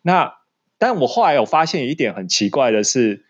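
A man speaks casually with a Taiwanese Mandarin accent. His voice sits at a medium pitch, in the manner of relaxed conversation. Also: normal speed, lo-fi sound. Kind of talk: casual chat.

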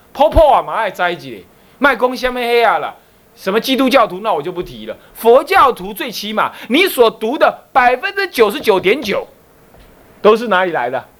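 A man with a Taiwanese Mandarin accent leads a Buddhist lesson in a high, bouncing voice that rises and falls widely. He keeps quizzing his listeners and slips in teasing asides. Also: a bit bright. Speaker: Buddhist abbot teaching a class. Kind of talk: lively Buddhist lecture.

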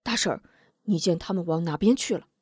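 A calm, thoughtful elder martial brother, as a woman narrator voices him speaks in lowered, deliberate phrases. The sound is dry, with no echo. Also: breathy edge. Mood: measured, warm. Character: steady senior male martial brother, thoughtful.

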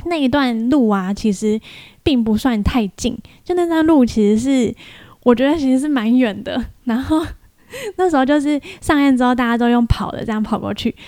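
A woman's voice: on the high side, normal speed, warm tone, no room sound. A young woman hosts a podcast, telling a story in a casual, chatty way and mimicking other people's voices in quoted lines. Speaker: podcast host.

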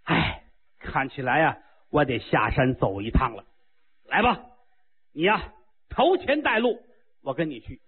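Haughty old immortal woman, slow and scolding, voiced by a male storyteller; husky, tinny radio sound. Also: on the high side, sing-song, voice pushed down, full character voice. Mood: stern. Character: elderly female Taoist immortal, stern and haughty.

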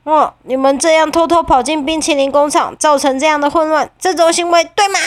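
A woman's voice: fairly high pitch, expressive, measured pace, dry recording. Woman doing a stern scolding storybook dog. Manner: scolding, firm. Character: stern sensible dog in charge. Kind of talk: storybook read-aloud.

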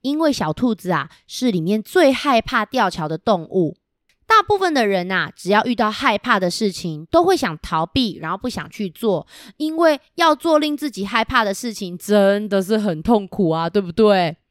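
A woman's voice: mid-range voice, big pitch swings, moderate pace, no echo, clean studio sound. A woman with a Taiwanese Mandarin accent telling a picture-book story as if reading to a toddler, putting questions to the children.

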